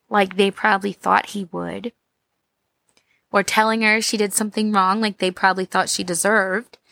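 A woman's voice: mid-range voice, gravelly, fairly bright tone, no room sound. A woman giving a casual, chatty, slangy devotional talk as a podcast host, her voice thick and muffled from a swollen throat. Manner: chatty, slangy, addressing listeners as girls and guys.

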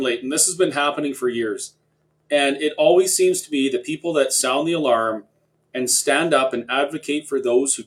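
A man hosts a discussion show, earnest and steady at first, then pressing his points forcefully. His voice sits somewhat high for a man. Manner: earnest, building to forceful declarations. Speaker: host.

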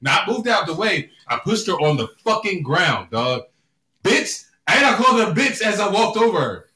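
A man telling a story in casual chat, animated, loud and profane. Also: high-pitched, moderate pace. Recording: echoey room.

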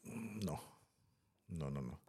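Speaking extremely slowly, this man has a low-pitched, gravelly, mellow voice with a breathy edge, yet he sounds animated. He's a podcast host with a Mexican accent, rambling through a story in casual conversation and ending lines with "¿no?" or "así."

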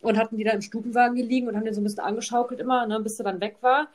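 A young woman rattles through a casual podcast story at a brisk clip, her voice sitting a little high. She keeps checking in with her listener, chatty and unfiltered. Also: fairly even intonation. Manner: chatty storytelling, constant tag "ne?". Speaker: podcast host, mother of two.

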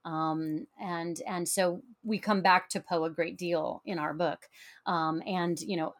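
A woman's voice: lowish voice, steady tone, slow pace. A woman speaking as an interview guest, explaining conversationally and often repeating words as she goes. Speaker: podcast guest, author and tour guide.

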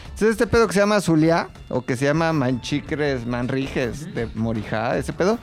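A man's voice: a little high, lively intonation, moderate pace, soft background music. A Mexican man chatting casually on a podcast, telling a story in heavy slang. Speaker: podcast host. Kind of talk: casual chat.

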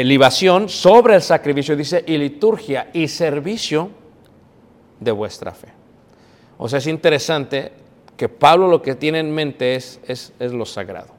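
A man preaching a teaching sermon, explaining step by step with frequent fillers. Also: a little high. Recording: echoey hall with long reverb.

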